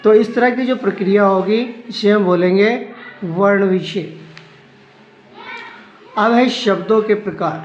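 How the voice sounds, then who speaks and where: Male teacher, high voice, unhurried step-by-step explainer, roomy lo-fi recording with faint music. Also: a little hiss or hum. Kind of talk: explaining a Sanskrit lesson.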